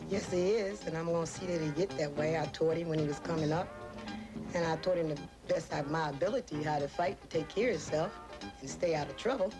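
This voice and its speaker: A woman's voice: low voice, a little fast. A middle-aged woman talking in a plain-spoken, colloquial way in an informal interview. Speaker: boxer's mother being interviewed. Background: music.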